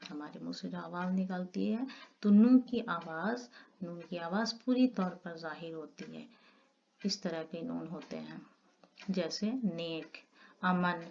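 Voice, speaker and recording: A woman's voice: fairly low pitch, slow pace, vocal fry, dark tone. A woman teacher giving an Urdu grammar lesson, explaining step by step and drawing out the example words. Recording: dull lo-fi audio with faint noise.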